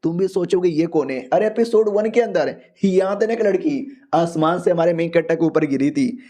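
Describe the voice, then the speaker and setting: A man's voice: on the high side, normal speed, dark tone. A man narrating a comic manhua recap in slangy, jokey storytelling.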